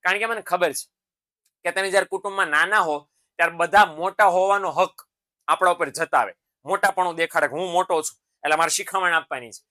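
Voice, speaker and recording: A man's voice: sits high, a little fast, pushed and bright. A man giving a motivational lesson to students. He talks in a fatherly way, calls them his sons and keeps checking in with tag questions. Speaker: teacher.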